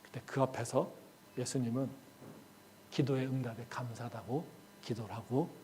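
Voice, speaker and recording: A male pastor preaching a sermon in a church, his delivery swinging between quiet talk and loud, impassioned appeals. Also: mid-range voice, moderate pace, a little hiss or hum.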